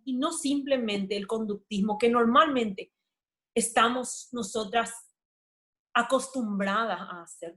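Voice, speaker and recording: A woman with a somewhat high voice gives a devotional lesson to a women's group. She talks in a chatty, conversational way, with frequent fillers and tag questions. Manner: conversational, often adds "¿verdad?", many fillers. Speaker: women's discipleship teacher. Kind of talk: devotional teaching with a family anecdote.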